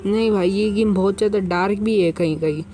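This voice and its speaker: A man hosting a gaming channel, giving chatty, excitable commentary as he plays and keeps calling out to the viewers as guys and bro. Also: high-pitched, a little fast. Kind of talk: casual let's-play commentary. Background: game music.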